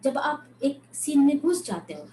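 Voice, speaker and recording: Woman, Indian English accent, unhurried coach voice, roomy call sound. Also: high voice, big pitch swings, dark tone, slight background noise. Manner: mixes Hindi and English, quizzes the class. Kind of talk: online class talk. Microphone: video call.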